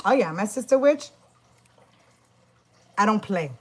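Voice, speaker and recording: A woman's voice: medium pitch, lively intonation, a little slow. A woman vlogging about her work as a witch, telling a story in an emphatic, profane way with many restarts. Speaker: spiritual practitioner and YouTuber. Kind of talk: casual vlog storytime.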